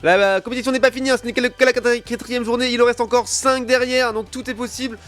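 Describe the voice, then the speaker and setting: A male esports caster with a notably high voice calls a match live. His play-by-play is colloquial and full of gamer slang, with faint music playing behind him. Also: steady tone, quick pace, a bit bright.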